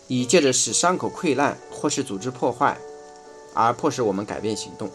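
A man reading a first-person nonfiction book aloud in a measured, explanatory way. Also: mid-range voice. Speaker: audiobook reader.

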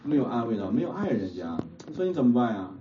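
A man's voice: medium pitch, big pitch swings, fast talker. A man preaching a sermon in a church hall, constantly putting questions to the congregation and often laughing as he speaks. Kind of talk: sermon with call-and-response. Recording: muffled, distant, noisy room recording.

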